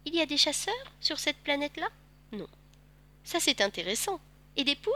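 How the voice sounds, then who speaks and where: A woman voicing a gentle, wistful male fox who speaks patiently and tenderly in a storybook reading. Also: sits high, big pitch swings, moderate pace, pitched above the performer's own voice, exaggerated voice.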